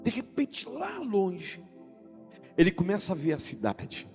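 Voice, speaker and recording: High-voiced preacher man. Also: huge pitch swings, a little slow. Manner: dramatic preaching, swinging between loud, high sung phrases and hushed low storytelling. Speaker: pastor. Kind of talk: sermon. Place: church sanctuary. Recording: long church-hall reverb with music behind.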